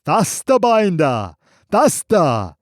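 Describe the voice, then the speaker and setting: Relentless unseen spirit, a man doing the voice: high, thundering, slow. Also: sing-song, darkish tone, no room sound, clean studio sound. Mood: commanding. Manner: thundering, commanding. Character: wild booming unseen male spirit, relentless.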